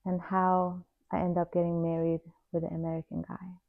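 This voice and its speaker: A woman in her forties from Iran, slowly and earnestly telling her life story to the camera. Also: on the low side, completely flat delivery, gravelly. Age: 40s. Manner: slow, reflective, heartfelt. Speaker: vlogger. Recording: slightly dull lo-fi sound.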